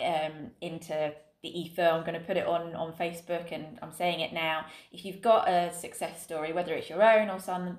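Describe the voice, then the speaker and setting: A woman's voice: on the low side, reverberant. An English woman co-hosting a casual chat, talking freely with many ums and easy laughs. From England. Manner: chatty, laughs easily, trails off with ums. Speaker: podcast co-host.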